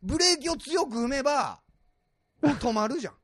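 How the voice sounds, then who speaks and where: A man's voice: very high-pitched, animated, moderate pace, fairly bright tone, dry recording. A man with a Nagoya dialect, bantering in a comedy duo, insistently rambling through wild claims and throwing in spoken sound effects. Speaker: comedy partner pushing a wild theory.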